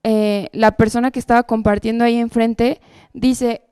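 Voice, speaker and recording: A woman's voice: fairly high pitch, little pitch movement, moderate pace, a little mellow, clean tone, dry recording. A woman giving a personal testimony at church, telling her story earnestly and often checking in with the audience. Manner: earnest storytelling with frequent tag questions.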